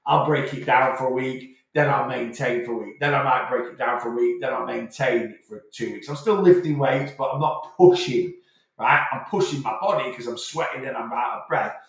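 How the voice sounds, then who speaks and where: A man's voice: mid-range voice, moderate pace, vocal fry, a bit bright. Chatty man in an echoey room. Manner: chatty, repeats himself, stops and starts, direct and reassuring. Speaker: weight loss coach, live Q&A host. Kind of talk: casual live stream chat.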